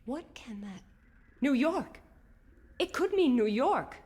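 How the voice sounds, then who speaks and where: An earnest young heroine in a video game, alarmed and emotional. Her voice is high and swings widely with urgency. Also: very animated, takes it slowly, darkish tone, breathy edge, exaggerated voice.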